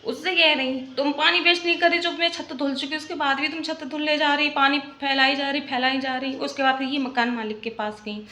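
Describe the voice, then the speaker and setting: A woman's voice: high-pitched, bright, forceful tone. A young woman in a casual vlog, venting at length in a rambling, aggrieved way and often tagging questions at the listener. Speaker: vlogger, mother. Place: rented room at home. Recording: echoey room, faint background noise.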